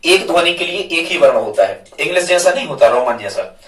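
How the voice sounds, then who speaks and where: A man's voice: fairly high pitch, sing-song, a little fast, fairly bright tone. Man teaching from afar in echoey room. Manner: patient, repeats questions back to students. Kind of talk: whiteboard grammar lesson. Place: classroom with a board. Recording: echoey room, mic far off.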